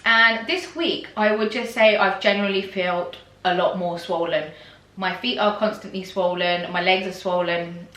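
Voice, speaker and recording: In a casual pregnancy vlog, a young woman chats to the camera, rambling with fillers and small laughs. Her mid-range voice is bright and clear, while the room around her sounds bare and echoey.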